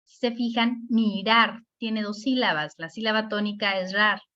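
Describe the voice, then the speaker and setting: A woman's voice: medium pitch, fairly even intonation, a little slow, bright, forceful tone. Patient woman teacher, dull lo-fi sound. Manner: patient, spells out syllables, checks in with "¿sí?". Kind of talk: online grammar lesson.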